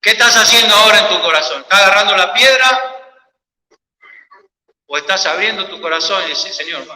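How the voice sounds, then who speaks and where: Impassioned preacher in an echoing church. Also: male voice, sits high, animated, brisk. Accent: Argentine Spanish. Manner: impassioned, swings from loud cries to hushed pleading. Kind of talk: sermon. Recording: echoey church hall with long reverb.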